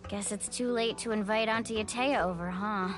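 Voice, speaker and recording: A woman voicing an upbeat, friendly young shopkeeper in a game, talking with bright energy. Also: medium pitch, steady tone, normal speed, close to an everyday voice. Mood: cheerful. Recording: game voice with music behind.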